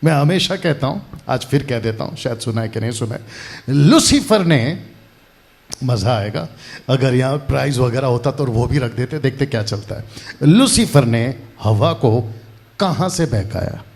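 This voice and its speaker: A man preaching a lively sermon to a church audience, quizzing the crowd and repeating phrases for emphasis. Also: mid-range voice, fairly quick, creaky. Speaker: pastor. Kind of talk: lively sermon to a live congregation.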